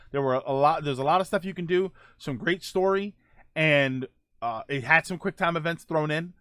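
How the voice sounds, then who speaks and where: Answering live viewer comments, this streamer hosting a gaming show rambles casually and thinks out loud. His slightly high voice is pushed, bright, and smooth, and the studio-quality recording has no echo.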